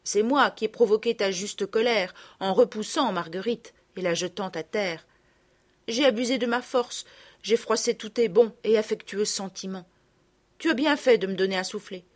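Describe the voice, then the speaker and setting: A woman's voice: normal speed, close to an everyday voice. Woman voicing Sophie, a remorseful little girl. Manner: pleading, high childlike voice. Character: troubled little girl, impulsive, sorry.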